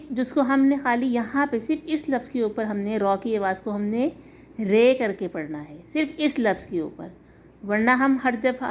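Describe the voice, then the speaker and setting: A woman teaches an online lesson. She works patiently through each example, spelling out letters and their sounds slowly so students can follow. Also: on the high side, darkish tone. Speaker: Quran reading teacher.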